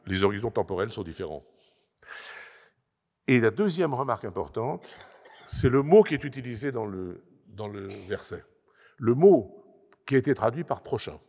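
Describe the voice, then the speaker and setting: A man giving an explanatory talk at a conference panel, emphatic, with frequent hesitations and restarts. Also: fairly low pitch. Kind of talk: lecture-style talk to an audience. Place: assembly hall. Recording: long reverb of a large hall.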